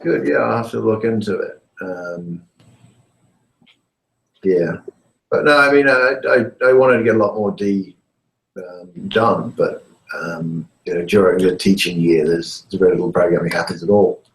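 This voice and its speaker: A university lecturer heard over a remote call line that breaks up and echoes, talking casually with many pauses and fillers. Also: male voice, deep voice, gravelly. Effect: remote call line that breaks up, with echo. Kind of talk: casual video call chat.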